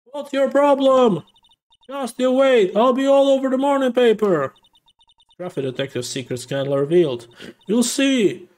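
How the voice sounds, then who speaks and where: A man's voice: high voice, very animated, measured pace, pitched above the performer's own voice, exaggerated voice. A man putting on a brash Southern gal reporter. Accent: Southern US (put on). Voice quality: brash, shouting, twangy. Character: loud pushy female tabloid reporter.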